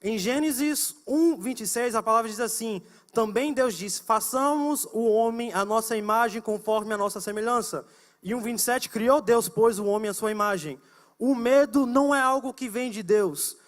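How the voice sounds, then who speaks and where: A young man preaching to a youth service, telling a story with lively, acted-out voices. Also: very high voice, moderate pace. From United States. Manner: animated storytelling, acting out shouting and whispered prayers.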